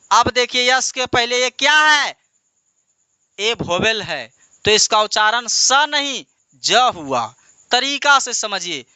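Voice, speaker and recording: A man's voice: very high-pitched, sharp tone, clean tone, no room sound. A man teaching an English grammar lesson, asking questions and answering them himself and repeating key words. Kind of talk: classroom lesson.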